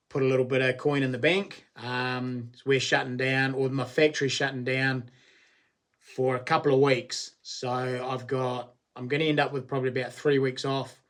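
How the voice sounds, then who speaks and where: A man in his late forties with a broad New Zealand accent, chatting casually as he hosts a livestream, in a blokey, slangy, laid-back way. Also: mid-range voice. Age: late 40s. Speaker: live stream host. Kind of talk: casual livestream chat, reading and answering comments.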